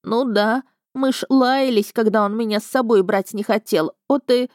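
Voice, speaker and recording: A woman's voice: fairly high pitch, moderate pace, a little mellow, dry recording, studio quality, voice pushed up, lightly acted. A woman voicing a frightened female house spirit who is crying and hiccuping as she talks. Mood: tearful. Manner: hiccuping, wailing.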